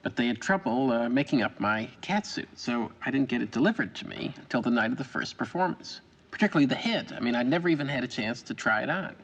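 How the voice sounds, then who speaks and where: An actor playing a wry, anxious middle-aged stage actor, telling rambling, self-mocking stories in film dialogue. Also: male voice, medium pitch, lively intonation, fast talker, few pauses, highs cut off.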